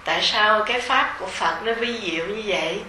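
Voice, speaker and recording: A middle-aged woman with a Southern Vietnamese accent, a meditation teacher giving an informal dharma talk to retreat participants in a gentle, conversational way with soft fillers. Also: medium pitch, brisk, reverberant, slight background noise, low-quality recording.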